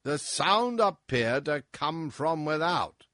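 A man's voice: a little high, sing-song, slow, fairly bright tone, dry recording, studio quality, pitched above the performer's own voice, full character voice. A man voicing a male courtier who offers a polite, offhand remark in a storybook reading.

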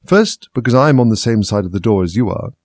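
A man voicing a solemn, slow-witted frog footman who talks in a flat, unbothered way. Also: on the low side, no echo, studio quality.

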